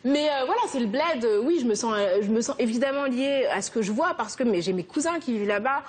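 A young woman from France, a guest in a TV interview, answering earnestly and quickly, thinking aloud as she goes. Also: on the high side, lively intonation, breathy edge. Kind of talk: TV interview conversation.

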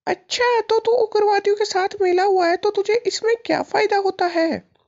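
A man voicing a shrill gangster who taunts and then begs for mercy in a gameplay story video. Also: moderate pace, dull audio. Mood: taunting.

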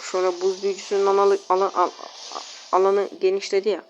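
A woman's voice: medium pitch, monotone, fast, highs cut off, noisy background. A woman casually commenting on her own mobile game matches, talking to viewers and opponents, grumbling, exasperated and self-mocking. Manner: self-mocking, jokey asides.

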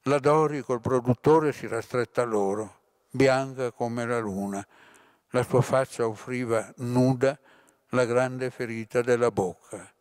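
A male lecturer reads a novel passage aloud in a measured, expressive way. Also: mid-range voice, clear, resonant tone, no echo. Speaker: literature lecturer. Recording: dry close recording.

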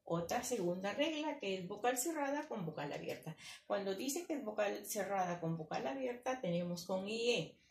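A woman with a Peruvian Spanish accent teaching a primary class, explaining slowly and patiently, step by step. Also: mid-range voice, darkish tone. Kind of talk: classroom lesson with opening prayer. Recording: echoey room with faint background noise.

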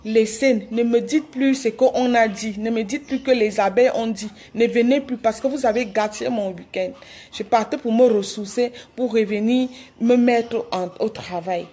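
A woman's voice: fairly high pitch, moderate pace, warm tone, breathy edge. A woman on a phone live stream, pleading with her followers, repeating herself with hesitant restarts. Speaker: livestreamer addressing her followers. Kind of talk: live video apology.

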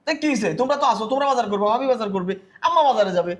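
A man's voice: very high voice, animated, racing. Man playing a whiny spoiled younger brother. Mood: whining. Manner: whiny, demanding, loud. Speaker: actor. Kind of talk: village family drama acting.

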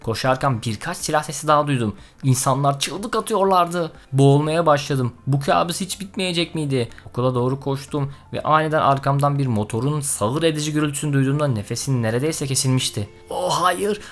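A man's voice: medium pitch, brisk, few pauses, faint music behind. A man narrating a tense first-person story in a dramatic, scripted style.

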